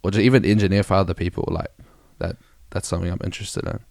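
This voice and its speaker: Young kiwi guy, really low voice with gravel, chill slangy chat, dry close sound. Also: steady tone, fast talker, darkish tone, dry recording. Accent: New Zealand. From New Zealand. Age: young adult. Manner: laid-back slangy talk, says bro a lot. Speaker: rapper guest. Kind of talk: casual interview chat.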